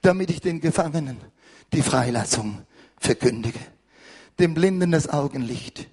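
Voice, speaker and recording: An older man preaching an impassioned sermon as pastor, hurried and fervent, at times rising to a shout. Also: a little high, lively intonation, slightly rough.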